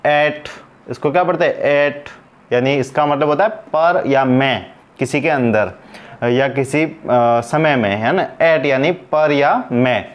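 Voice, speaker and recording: A man's voice: a little high, a little slow. A man teaching an English pronunciation lesson, asking questions and answering them himself as he repeats each word.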